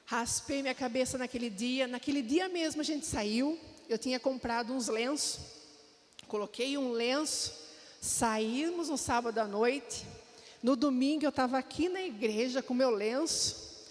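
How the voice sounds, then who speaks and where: A woman's voice: sits high, measured pace. A woman with a Brazilian Portuguese accent giving a heartfelt personal testimony to a church congregation, often speaking straight to her listeners. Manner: heartfelt, storytelling, often addresses the listeners directly. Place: church hall. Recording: long reverb of a church hall.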